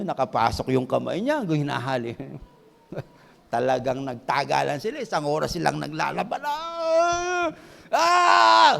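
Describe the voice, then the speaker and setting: A male pastor preaching to his congregation in a storytelling way. He keeps checking in with rhetorical questions as he goes. His middle-pitched voice carries a long reverb through the church hall. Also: vocal fry. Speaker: senior pastor. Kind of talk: sermon.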